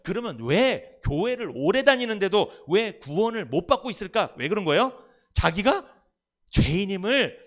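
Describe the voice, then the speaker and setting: Male pastor giving a sunday sermon, kinda high voice, pitch jumps all over, asks the crowd stuff then answers it himself. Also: fairly bright tone. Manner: asks the congregation questions and answers them himself. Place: church sanctuary.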